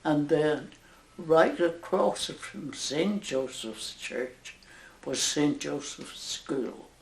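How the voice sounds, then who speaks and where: Sitting low in pitch yet animated, this gravelly voice belongs to a centenarian nun from Northern Ireland. She halts and laughs quietly as she slowly recalls her life for an oral history interview, and the sound is reverberant.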